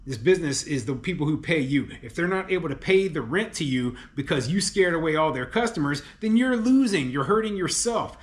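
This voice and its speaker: A man's voice: on the high side, animated, brisk, hardly any pauses. A man who is a landlord, casually commenting on a news article with lots of fillers, frequent laughs and exasperated opinions. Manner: chatty, laughs often, many fillers like "you know" and "okay". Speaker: landlord and real estate commentator.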